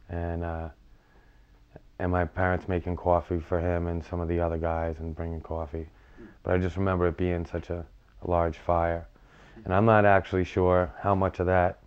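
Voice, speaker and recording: A man from the United States, a firefighter, telling personal memories in a halting, plain-spoken, reflective interview style. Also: deep voice, darkish tone, clean tone, highs cut off.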